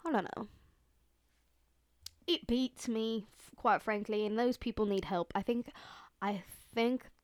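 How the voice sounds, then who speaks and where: A woman's voice: on the high side, a little slow, pauses often, no room sound, studio quality. A young adult woman hosting a casual solo podcast, talking in a slangy, profane, filler-heavy way with dramatic emphasis. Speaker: podcast host. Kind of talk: casual solo chatty monologue.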